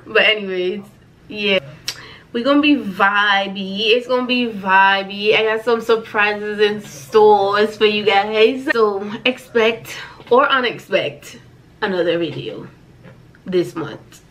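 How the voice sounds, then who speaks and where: This vlogger is an American woman in her 30s whose mid-range voice is slow and a bit bright. Chatting playfully to camera in a casual life update, she repeats phrases for emphasis.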